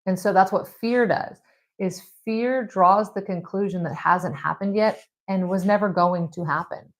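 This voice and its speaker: A woman's voice: medium pitch, unhurried. A woman hosting a Bible study, reading scripture and then reflecting on it in a chatty, conversational way. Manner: conversational and reflective, with frequent "like" and "you know"; reads scripture, then comments in her own words. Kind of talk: casual devotional teaching.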